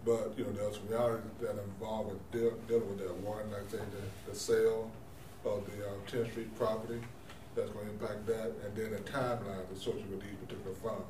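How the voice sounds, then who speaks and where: A man with a fairly low voice explains things in an informal, folksy way at a board meeting. He sounds distant, with room echo and clear background noise. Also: level tone, brisk, hardly any pauses. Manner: folksy, uses y'all and frequent 'you know'. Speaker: housing authority official presenting.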